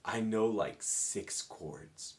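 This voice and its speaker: A man in his twenties, a live streamer, chatting casually and rambling to his viewers in an upbeat way, often dropping to a soft near-whisper. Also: lowish voice, lively intonation, very slow. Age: 20s.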